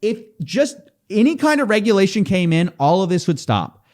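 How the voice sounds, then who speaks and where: A man's voice: high-pitched, very animated, normal speed, a little mellow. A man speaking straight to camera in a commentary video, exasperated and incredulous as he calls people out, with faint music underneath. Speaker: online investigative commentator.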